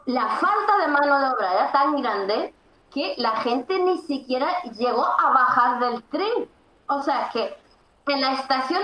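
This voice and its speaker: A fairly high-pitched woman talks through her points with emphasis and keeps pausing on fillers. She sounds like she is in an echoey room with a faint hiss underneath. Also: fairly bright tone. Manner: explanatory, emphatic, with frequent fillers. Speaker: interview guest, Swedish teacher. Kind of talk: conversational explanation.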